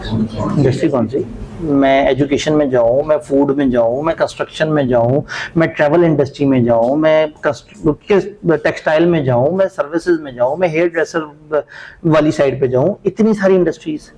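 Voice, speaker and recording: A man's voice: on the high side, normal speed, mellow, rough recording. A man giving a classroom lecture, talking it through conversationally and posing questions he then answers himself. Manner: conversational, asks rhetorical questions and answers them.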